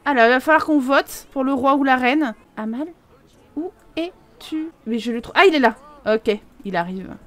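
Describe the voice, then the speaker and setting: Une joueuse bavarde à la voix aiguë. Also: female voice, high voice, moderate pace, no room sound. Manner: chatty and excitable, laughs often and exclaims. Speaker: gaming video host. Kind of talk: casual Let's Play commentary.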